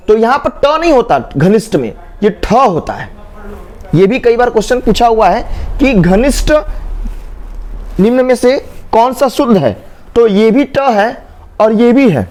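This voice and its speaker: A man teaches correct spelling in a high voice that swings up and down. He asks a question, answers it himself, and drawls each word syllable by syllable for students preparing for exams. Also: darkish tone. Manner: repeats words slowly, stretching the syllables. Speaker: Hindi teacher. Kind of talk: spelling lesson for exam students.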